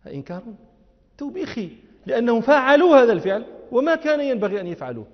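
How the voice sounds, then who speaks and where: A man teaching a lecture class. He recites verses softly, then explains them with rising emphasis and quick rhetorical checks. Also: very high voice, very animated. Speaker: Islamic scholar teaching. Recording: dull lo-fi audio with long hall reverb.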